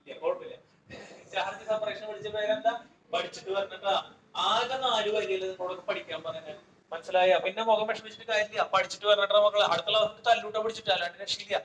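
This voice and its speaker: A man's voice: high voice, fairly even intonation, quick pace, fairly bright tone, distant mic. A man with a Malayali accent teaching a chemistry class, quizzing his students, repeating questions and scolding them. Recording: echoey classroom with faint noise.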